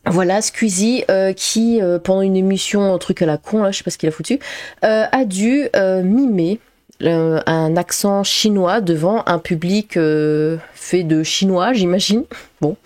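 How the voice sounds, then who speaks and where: Woman, casual streamer commentary, sarcastic, lots of fillers, mellow tone, dry close sound. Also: medium pitch, measured pace, no room sound. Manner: frequent 'euh' fillers, laughs between sarcastic remarks.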